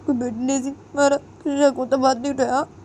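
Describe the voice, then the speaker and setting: A woman's voice: high-pitched, level tone, fairly quick, darkish tone, pitched above the performer's own voice. Woman doing a hurt, indignant young wife. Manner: indignant, repeats herself.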